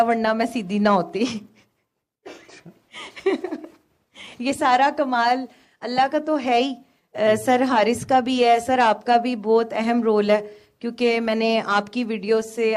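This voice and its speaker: Young woman guest, higher-pitched voice, earnest emotional testimony, hesitant fillers. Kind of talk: personal testimony on a call.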